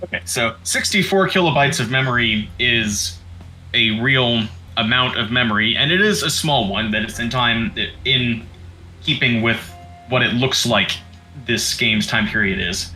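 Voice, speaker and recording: Casting: man with a very bright, sharp voice, thinking out loud over a game. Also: medium pitch, a little slow, a little hiss or hum, low-quality recording. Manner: reasoning aloud, fact-checking. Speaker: co-commentator. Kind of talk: casual let's-play chat.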